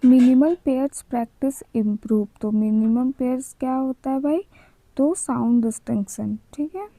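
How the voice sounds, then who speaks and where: Woman teacher, exam revision lesson, dark mellow voice, fairly high, dry close sound. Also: no room sound, low-quality recording. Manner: reads questions slowly, then asks and answers them herself; ends each answer with a high, soft confirming tag.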